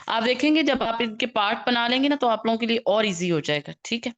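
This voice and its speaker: A woman teaching Quran recitation in an online class, checking in often with her students and stretching out each letter sound slowly as she demonstrates. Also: fairly high pitch.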